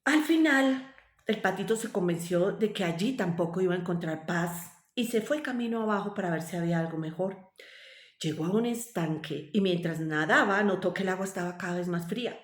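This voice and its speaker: A woman reading a fairy tale aloud in an expressive, animated way. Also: on the low side, fairly quick. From Colombia. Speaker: storyteller. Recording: roomy echo.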